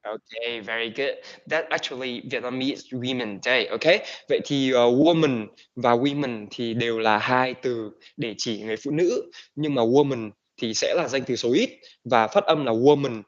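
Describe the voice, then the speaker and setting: A man teaching an online English class, mixing Vietnamese and English with lots of "um" and "uh". His voice sits at an ordinary pitch. The recording is dull and lo-fi. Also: unhurried. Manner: mixes Vietnamese and English, many fillers.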